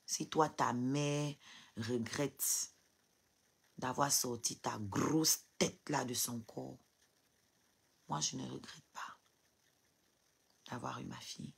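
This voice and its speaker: A woman's voice: very deep voice, fairly even intonation, slow pace, creaky, pauses often, breathy edge. A woman crying as she talks on a live stream into her phone, firing defiant rhetorical questions at her viewers. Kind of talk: emotional live stream rant.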